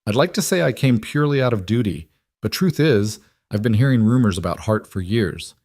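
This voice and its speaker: A man voicing a calm, firm federal marshal in a western tale. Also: on the low side, fairly quick. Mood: warm. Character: stern, fair-minded federal marshal, grown man.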